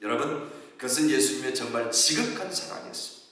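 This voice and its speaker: A male pastor preaching a sermon in a church, addressing the congregation and building to shouts. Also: medium pitch, expressive, quick pace. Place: church sanctuary. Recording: echoey hall, from far off.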